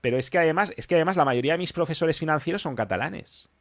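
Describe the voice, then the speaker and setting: A man's voice: on the high side, expressive, very fast, a bit bright, no echo, clean studio sound. A man from Spain with a Valencian accent, hosting a casual podcast chat in a blunt, emphatic manner, swearing freely. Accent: Valencian Spanish. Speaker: podcast host.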